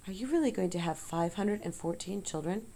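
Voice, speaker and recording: A woman voicing an innocent, eager young male pig in an audiobook, pitched higher and full of questions. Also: animated, moderate pace, close to an everyday voice. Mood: curious. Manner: higher, wide-eyed, asks many questions. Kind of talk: audiobook character voice.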